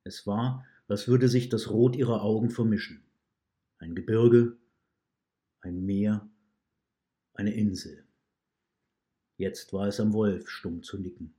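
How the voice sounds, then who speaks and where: Man reading a story out loud, low mellow voice, calm and measured. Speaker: narrator. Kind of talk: read-aloud storytelling.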